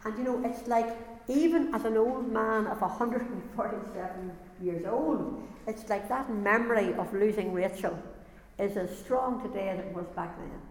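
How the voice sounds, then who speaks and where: A woman's voice: medium pitch, moderate pace. Lady preaching, earnest, repeats herself a lot, big echoey hall with a long ring. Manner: earnest, repeats words as she builds each point. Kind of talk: sermon. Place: church or hall, before a congregation.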